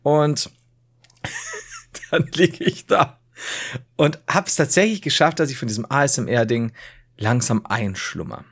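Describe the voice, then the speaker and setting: A man's voice: mid-range voice, a little slow, long pauses, breathy edge. A man co-hosting a podcast, telling a rambling story in casual chat with bursts of animation. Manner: rambling, animated storytelling with laughs and acted outbursts. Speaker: podcast co-host.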